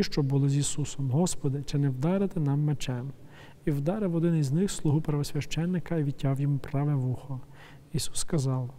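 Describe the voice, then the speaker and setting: A man reading a gospel passage aloud and then explaining it in a measured, reflective homily with occasional hesitations. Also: fairly high pitch, dark tone. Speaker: preacher.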